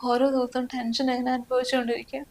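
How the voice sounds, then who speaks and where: A sick, resigned young wife, acted by a woman pleads softly while crying. Her voice is a little high but held flat, with little rise and fall, and faint music plays behind her. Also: fast talker, low-quality recording. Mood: tearful. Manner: soft, pleading, flat delivery. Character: ill, tearful young wife, gentle and resigned. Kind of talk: family short film acting.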